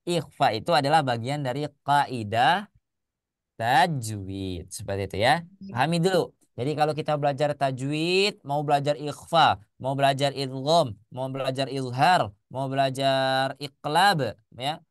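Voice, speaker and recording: Smooth-voiced male Quran teacher. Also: on the high side, no echo, studio quality. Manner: questions the class, chants Arabic examples slowly. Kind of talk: classroom lesson.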